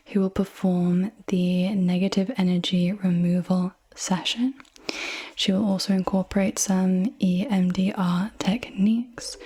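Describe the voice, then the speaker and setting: A woman in her twenties doing a whispered ASMR role-play as a clinic practitioner, in a soft, breathy, reassuring whisper. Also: mid-range voice. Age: 20s. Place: indoors, small room with dark backdrop.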